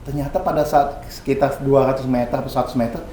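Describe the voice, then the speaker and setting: A man telling a personal story in casual talk, lively, acting out his own past words. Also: medium pitch, fast, a crowd in the background. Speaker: guest. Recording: roomy room with faint ambience.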